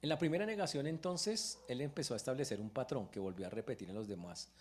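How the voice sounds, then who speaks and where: A man preaching a sermon as pastor in church, retelling a story with lively exclamations. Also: medium pitch, fast.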